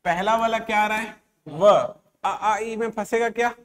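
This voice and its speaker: Man, high-pitched voice, exam-prep grammar teacher, sounds out words slowly, keeps checking students follow. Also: steady tone, fairly bright tone. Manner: explains step by step, checks in with students often; drawn-out sounding out of letters and words.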